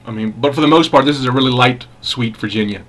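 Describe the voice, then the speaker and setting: With a mid-range, fairly bright voice, a man gives a laid-back review of pipe tobacco. He muses at a leisurely, stop-and-start pace, full of savoring enthusiasm.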